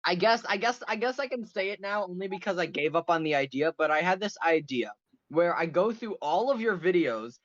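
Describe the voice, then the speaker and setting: A man's voice: sits high, lively intonation, fairly quick, fairly bright tone, no room sound. Man, podcast host, rambling casual chat, dry sound, muffled lo-fi mic. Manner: rambling, many restarts.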